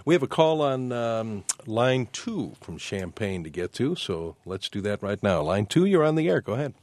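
A man hosting a radio call-in show with smooth, upbeat on-air patter as he takes a caller. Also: lowish voice, sing-song, moderate pace, a little mellow, no room sound. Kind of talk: smooth radio host delivery.

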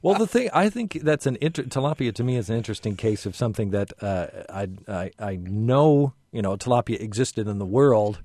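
A man hosting a radio call-in show, speaking in a measured way and thinking aloud with a few restarts. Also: on the low side, lively intonation, a little mellow, no room sound, clean studio sound. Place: radio studio.

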